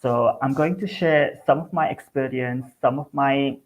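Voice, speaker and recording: A man from Sabah, Malaysia, who teaches English, delivers a friendly webinar over a video call in plain style, with small restarts. His medium-pitched voice holds a steady tone at a moderate pace despite poor audio.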